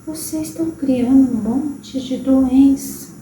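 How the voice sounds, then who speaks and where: A Brazilian-accented woman serving as a spirit medium speaks for a gentle, wise grandmother spirit, slow and soothing, motherly and tender, sometimes whispering. Her high voice is captured from a distance in a spacious room with slight background noise.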